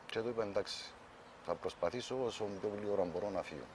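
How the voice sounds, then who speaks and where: Ένας άνδρας με κυπριακή προφορά αφηγείται ως αυτόπτης μάρτυρας σε συνέντευξη ντοκιμαντέρ, μεταφέροντας τα λόγια άλλων. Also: male voice, fairly low pitch, background noise. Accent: Cypriot Greek. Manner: plain storytelling, quoting others. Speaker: eyewitness. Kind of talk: documentary interview testimony.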